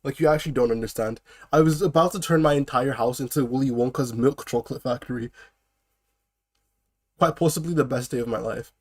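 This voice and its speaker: A man's voice: medium pitch, brisk, a little mellow. A man sick with a cold chatting casually on a live stream, greeting viewers and breaking off to laugh and cough. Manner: laughs and coughs between phrases; chats loosely with viewers.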